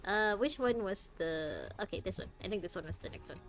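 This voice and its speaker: A young woman streaming a game, chatting to viewers with lots of laughter and excited reactions. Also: mid-range voice, fairly quick, faint music behind. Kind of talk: live gameplay commentary.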